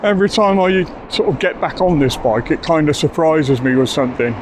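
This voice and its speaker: A man's voice: fairly high pitch, lively intonation, a little fast, noisy background. Chatty man reviewing a bike. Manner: chatty, enthusiastic, rambling. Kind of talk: casual video review. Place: outdoors on a bike.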